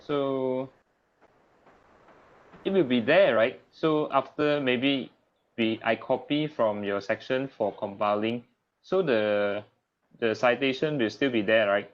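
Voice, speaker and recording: A man's voice: medium pitch, takes it slowly, long pauses. A young man with a Malaysian accent leading a casual group discussion, tentative, tagging phrases with lah and ah. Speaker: student discussion leader. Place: online group call. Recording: dull lo-fi online call audio.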